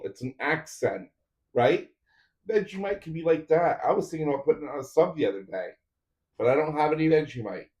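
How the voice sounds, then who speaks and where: A man's voice: on the high side, a little mellow. A man streaming a 3D printer build, chatting casually with viewers while he assembles parts. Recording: roomy echo.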